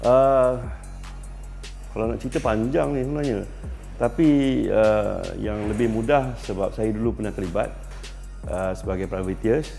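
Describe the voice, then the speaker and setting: A middle-aged man from Malaysia speaks in a lowish, warm and mellow voice. He answers interview questions casually and thoughtfully, pausing on fillers and restarting sentences as he goes. Faint music plays underneath. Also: creaky. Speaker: racing team principal.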